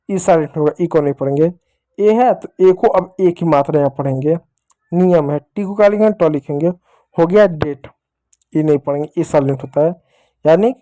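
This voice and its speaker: A man's voice: high-pitched, dark tone. A man teaching English phonics to children, asking and answering his own questions as he goes. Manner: repetitive question-and-answer explaining, addresses pupils as dear children. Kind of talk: classroom-style phonics lesson.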